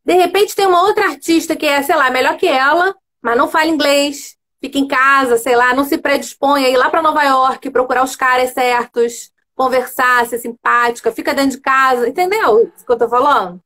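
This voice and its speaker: A woman's voice: sits high, a little fast, few pauses, sharp tone. A woman hosting a casual live chat on a video call, making her points emphatically with rhetorical checks. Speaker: host.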